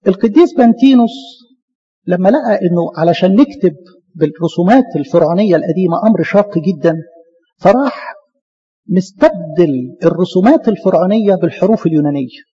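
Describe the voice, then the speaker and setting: A man with an Egyptian Arabic accent giving a lively church lecture, talking to his listeners as his beloved. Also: high voice, quick pace, breathy edge, in a large hall, muffled recording. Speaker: Coptic church speaker.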